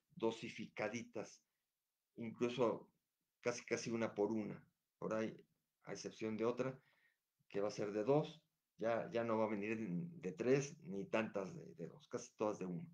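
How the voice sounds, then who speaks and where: Man in his sixties with a Mexican accent, hesitant. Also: fairly low pitch. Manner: unhurried and chatty, many hesitation fillers and restarts. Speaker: history teacher. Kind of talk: casual history lesson.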